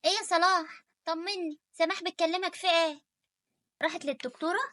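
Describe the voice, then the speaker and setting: A woman with an Egyptian Arabic accent voicing an elderly, pushy, doting mother in an animated story, talking fast and insistently. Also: extremely high pitch, dry recording, clean studio sound. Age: older.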